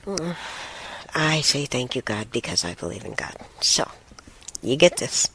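A woman hosting a talk show, telling a spiritual story in a rambling way, with soft whispered asides. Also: a bass voice, very animated, unhurried, a little hiss or hum. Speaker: show host.

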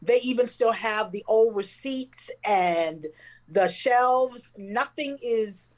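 A woman co-hosting a casual chat, describing things with warm enthusiasm. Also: on the high side, takes it slowly, rough recording.

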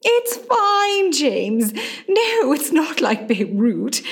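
Extremely slow and heavily acted, her high voice rises and falls dramatically as she portrays a famous, witty actress in her forties who is a patient in hospital, in a radio play. The tone is breezy and reassuring, the manner wry, dry, theatrical and affectionate.

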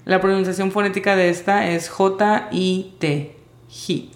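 A woman teaching English vocabulary in Spanish, spelling out each word's sounds slowly and carefully. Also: mid-range voice, level tone, roomy sound. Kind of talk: vocabulary lesson.

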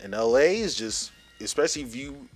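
A middle-aged man with a Philadelphia accent, talking in a loose podcast chat with a voice that swings widely in pitch. He tells his stories animatedly and pops his voice up high for quoted people. Faint music sits underneath. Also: fairly quick. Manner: animated storyteller, jumps to a high voice for quoted women. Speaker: podcast host.

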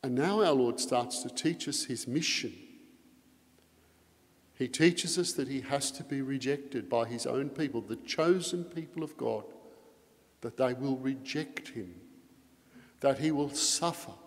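A man's voice: medium pitch, unhurried, pauses often. A man serving as priest reads the gospel and then preaches a homily with earnest emphasis, his voice carried by a cathedral echo. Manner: earnest preaching with strong emphasis on key phrases. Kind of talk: Mass gospel reading and homily. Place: large church. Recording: long echoing reverb of a large church.

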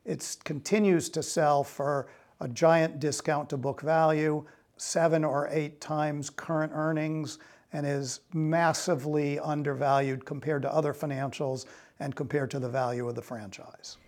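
Creaky, higher-pitched older man being interviewed. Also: steady tone, measured pace, darkish tone. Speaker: investment firm founder, podcast guest. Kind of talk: conversational interview answer.

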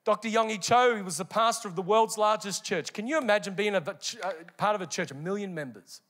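Man, pastor, sermon, high voice, emphatic, repeats phrases. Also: fast talker, fairly bright tone.

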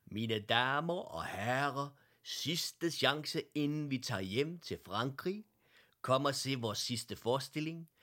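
A man playing a showy male circus barker who calls loudly and draws out his words in a storybook reading. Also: mid-range voice, animated, voice pushed up. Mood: announcing. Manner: loud, drawn-out announcing.

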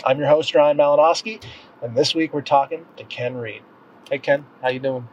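A man's voice: a little high, normal speed, darkish tone. A man hosting a weekly podcast, upbeat and friendly, asking short questions. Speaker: podcast host. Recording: slightly dull lo-fi sound with faint noise.

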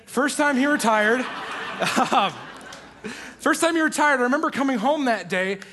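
A man's voice: very high-pitched, expressive, normal speed, background noise. A young man from Iowa, a church resident, introducing himself to a congregation with playful, self-deprecating humor and frequent laughs. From Iowa, USA. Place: church stage before a congregation.

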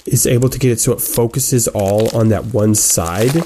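A man narrating a tabletop game as game master, describing scenes in halting, improvised detail. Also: on the low side, mellow, a little hiss or hum.

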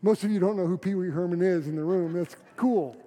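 A middle-aged man preaching a sermon as a pastor, telling stories with lots of restarts and animated bursts. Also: high voice, fairly quick, big-room sound. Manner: animated storytelling, many restarts.

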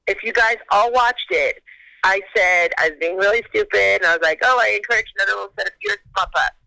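A woman caller heard over a phone on speaker, talking in an excited, rushed and spooked way. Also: mid-range voice, gravelly, dry recording, poor audio. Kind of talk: casual phone call.

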